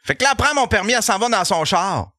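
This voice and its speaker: A man with a Québécois accent, a podcast host telling a comic story in an animated, profane way and laughing as he goes. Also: high voice, fast talker, no room sound, studio quality. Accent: Québécois French.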